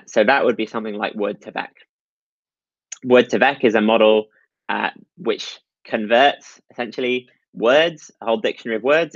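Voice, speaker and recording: Low-voiced man explaining slides. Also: no echo, lo-fi sound. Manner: explanatory, frequent ums and uhs. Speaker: meetup presenter. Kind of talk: technical talk over slides.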